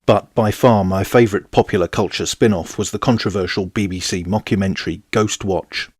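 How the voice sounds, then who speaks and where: Deep-voiced man narrating history. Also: fairly even intonation, fairly quick, slightly rough, dry recording, clean studio sound. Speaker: history channel host. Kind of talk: scripted documentary narration.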